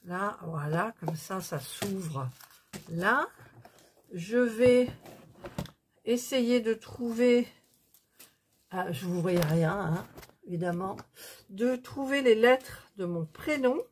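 A woman's voice: medium pitch, lively intonation, takes it slowly, pauses often, a little hiss or hum. A woman chatting casually through a craft tutorial, thinking aloud as she works. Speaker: craft vlogger.

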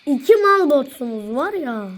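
A woman streaming an online game, taunting opponents and swearing loudly as she plays. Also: high voice, very animated, normal speed, soft background music. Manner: trash-talking, taunting, profane, shouts repeated jeers. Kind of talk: live gameplay chat.

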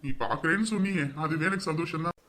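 A man's voice: fairly high pitch, quick pace, bright, forceful tone. A man playing a patient husband in a family drama, who reasons with his wife and lectures her earnestly. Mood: soothing.

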